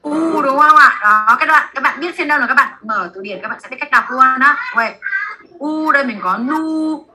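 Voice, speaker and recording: A woman with a Vietnamese accent teaches basic French to a class in a classroom, speaking in a high-pitched voice against a noisy background. She repeats words slowly so the students can echo them.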